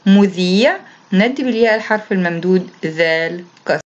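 Egyptian female teacher, lower voice, patient and repetitive, muffled lo-fi sound. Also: a little fast. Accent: Egyptian Arabic. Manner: patient and repetitive, reads each instruction aloud, then explains it. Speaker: primary school Arabic teacher. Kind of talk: recorded classroom lesson explanation.

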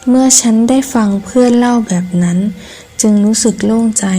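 A woman reading a scripted first-person ghost story in measured, deliberate phrases with pauses. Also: mid-range voice, dark tone. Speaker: horror story narrator.

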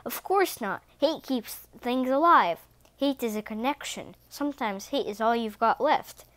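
A woman's voice: fairly high pitch, lively intonation, measured pace, a bit bright, no echo. A woman voicing a grumpy, bitter cat father who scolds in a sour way in a read-aloud storybook.

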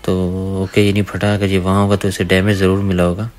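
A man's voice: deep voice, flat delivery, a little fast, very noisy. A man giving casual gameplay voice-over commentary, talking to viewers as brothers. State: dry throat from talking. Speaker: gaming YouTuber. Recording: faint gunfire under the voice.

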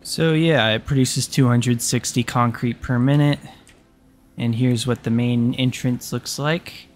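A young man talks through his factory build in loose, joking gameplay commentary, with the odd curse thrown in. His voice sits in a middle pitch. Soft music plays quietly behind him. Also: little pitch movement, measured pace. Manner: goofy, jokey, swears freely. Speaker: gaming YouTuber.

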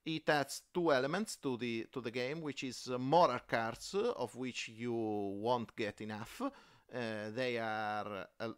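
A man who speaks as a talks through a board game on a podcast. His voice is smooth and resonant, and his speech halts often with fillers and restarts. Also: mid-range voice. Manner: halting, many fillers and restarts. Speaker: podcast co-host. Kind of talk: casual board game chat.

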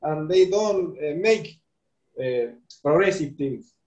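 A young man whose first language is Spanish talks over a video call in halting, restarting English. His voice sits a little high and sounds mellow. The webcam audio is roomy and dull. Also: lively intonation. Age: 20s. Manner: halting non-native English with frequent restarts and laughs. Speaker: interview guest, trader. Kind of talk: casual video call interview. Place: bright room indoors.

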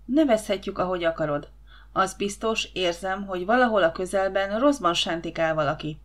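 A woman's voice: medium pitch, natural voice. Woman reading a mysterious young woman. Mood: ominous. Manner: hushed, ominous.

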